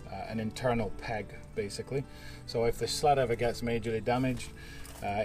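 A man's voice: on the low side, far from the mic. A man in his thirties, a product specialist giving a casual outdoor equipment demo, with frequent fillers. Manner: casual, many fillers, explanatory. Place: outdoors at a farm equipment show.

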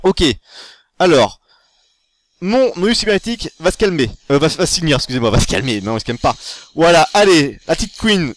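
Excitable man with a lively high voice. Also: brisk, no echo. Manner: chatty and excitable, with fillers and self-corrections. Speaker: gaming tutorial host. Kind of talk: casual tutorial commentary over his own game.

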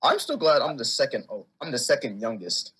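A man, a podcast guest, chatting casually in a laid-back, halting way. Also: mid-range voice, lively intonation, a bit bright. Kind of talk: casual group chat.

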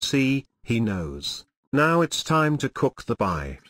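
A man doing comedic gameplay commentary, brash and crude in his jokes. His pitch swings widely while his delivery stays slow and unhurried. The recording is dry and close. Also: sing-song, fairly bright tone, no room sound.

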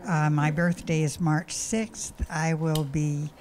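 Woman in her 80s, very low voice, slow, wry asides, handheld mic, faint noise. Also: little pitch movement. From New Jersey. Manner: warm, wry, laughing asides. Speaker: senior center visitor. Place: large community room indoors.

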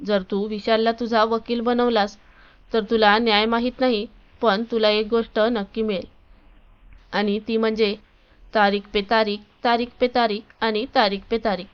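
A woman's voice: a little high, little pitch movement, moderate pace, clear, resonant tone, lightly acted. Woman reading as a teasing, cheerful best friend. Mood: playful. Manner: playful, joking. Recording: dull lo-fi recording.

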